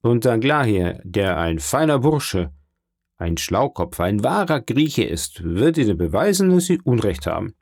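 A man's voice: lowish voice, sing-song, vocal fry, a little mellow, no room sound, studio quality, full character voice. A man doing a slurring merry drunk. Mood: rambling. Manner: slow, heavy-tongued speech.

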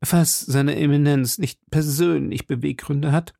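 A man reading an audiobook, voicing an irritable, commanding king who speaks imperiously and loudly. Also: a little high, steady tone, measured pace, vocal fry, no room sound, studio quality, pitched above the performer's own voice. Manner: imperious, loud, exasperated. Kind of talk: audiobook character voice.

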